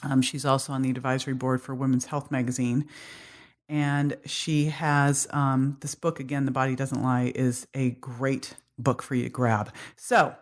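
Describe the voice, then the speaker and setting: A woman hosts a podcast in a relaxed, chatty way. Her talk is upbeat and loose, full of casual slang and easy laughs. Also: extremely low pitch, normal speed. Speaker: podcast host. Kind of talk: casual interview chat.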